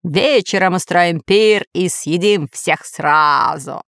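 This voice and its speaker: A greedy toothless chief skeleton, as a woman reader puts him on, drawling slow menace in a storybook tale. Dry, close recording. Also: on the low side, a bit bright, dry recording. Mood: gloating.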